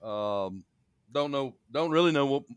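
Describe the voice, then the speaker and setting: A man from Alabama talks casually as a podcast guest, telling stories with lively energy though he halts, restarts sentences often, and uses many fillers. His mid-range voice is smooth, and the recording is dry.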